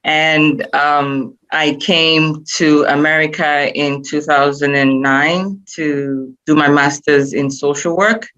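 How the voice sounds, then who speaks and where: A woman's voice: deep voice, fairly even intonation, slow, few pauses, fairly bright tone. A woman from Nigeria, an assistant principal, introducing herself in a friendly way in a video clip. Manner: friendly, laughs lightly while telling her path. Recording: dull clip audio.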